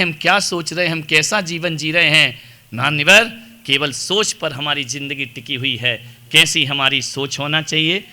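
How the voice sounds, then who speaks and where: Jain monk preaching, bright sharp voice, jokey stories and lots of rhetorical questions. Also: male voice, medium pitch. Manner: storytelling with humor and rhetorical questions. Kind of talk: sermon.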